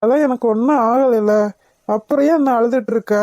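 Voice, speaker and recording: A woman's voice: fairly high pitch, brisk, mellow, dry recording, natural voice. A woman voicing a playful, romantic young husband in a cartoon, coaxing and joking with his wife. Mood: soothing.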